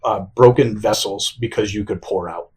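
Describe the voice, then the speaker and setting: A man hosting a candid, casual conversation. He talks in a halting way, with many restarts and fillers, and calls himself sarcastic. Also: on the low side, darkish tone, husky. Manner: self-described sarcastic. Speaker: podcast host.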